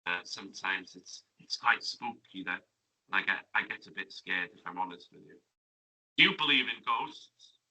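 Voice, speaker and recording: A man's voice: deep voice, expressive, moderate pace, bright, forceful tone, rough recording. A man, chatting as an interview guest and asking friendly tag questions. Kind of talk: casual interview chat. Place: classroom radio studio.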